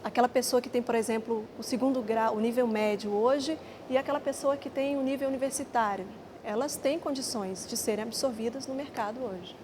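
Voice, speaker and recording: A woman's voice: a little high, fairly quick, hardly any pauses, noisy background. A woman TV host, presenting the show and putting questions to a guest. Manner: clear presenter delivery. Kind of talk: studio interview hosting.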